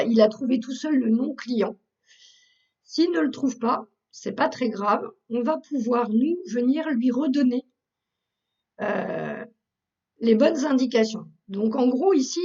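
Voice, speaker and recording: A woman who trains people on Google Workspace, explaining a software task step by step with frequent fillers, recorded as a screen tutorial. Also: on the high side, distant mic, highs cut off.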